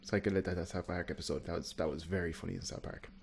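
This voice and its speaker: A man's voice: low-pitched, fairly even intonation, quick pace, creaky, darkish tone, slightly rough. A man, chatting bluntly on a podcast and hedging his opinions. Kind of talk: casual chat.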